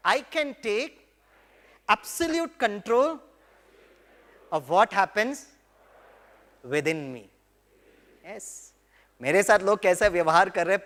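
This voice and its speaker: Animated high-voiced Indian man lecturing in a hall. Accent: Indian English. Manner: animated, switches between Hindi and English. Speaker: engineering professor giving a motivational lecture. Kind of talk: lively spiritual lecture to an audience. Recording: long hall reverb.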